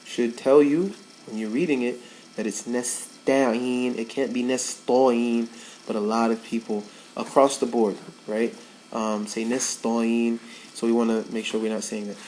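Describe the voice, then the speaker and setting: A man's voice: mid-range voice, unhurried, slight background noise, low-quality recording. A man in a mid-range voice teaches Quran recitation in a loose, chatty way. He circles back and repeats words to press home each mistake. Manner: relaxed, repeats words for emphasis. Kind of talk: casual tajweed lesson.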